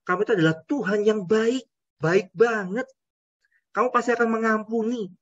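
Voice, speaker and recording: A man's voice: high voice, moderate pace, a bit bright, dry recording, highs cut off, pitched above the performer's own voice. A man voicing an indignant male prophet who complains to God in an exasperated, pleading way. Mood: aggrieved.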